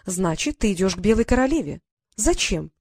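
A woman's voice: mid-range voice, sing-song, brisk, darkish tone, husky, dry recording, studio quality. A woman voicing a tiny, haughty female fairy courtier who lectures and gets irritated easily. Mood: prying. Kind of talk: audiobook character voice.

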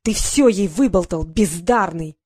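A woman puts on a bullying older teenage brother in a storybook reading. He hisses quiet threats and barks loud insults, and the recording is dry and close. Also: on the high side, lively intonation, moderate pace, no room sound, voice pushed up. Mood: raging. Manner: hissing threats, then barking insults.

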